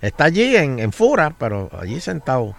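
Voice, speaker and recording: A man's voice: mid-range voice, wildly swooping pitch, fairly quick, gravelly, a bit bright. A Puerto Rican man hosting casual talk radio, rambling along and often stammering and repeating words as he goes. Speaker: radio talk show host.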